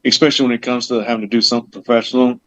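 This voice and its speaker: A man with a mid-range voice and level tone talks at a racing clip as a guest on a casual podcast, a meadery owner describing how he opened his business. He rambles chattily with loose fillers and plenty of side detail, acting out conversations. The audio is dull, lo-fi and dry.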